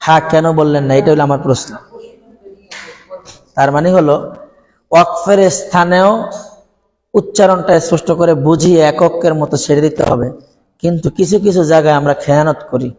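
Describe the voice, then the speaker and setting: A man's voice: on the high side, moderate pace, long pauses, a little mellow. A man teaching a Quran recitation training lesson, explaining sounds step by step and putting questions to his listeners. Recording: hall with long reverb.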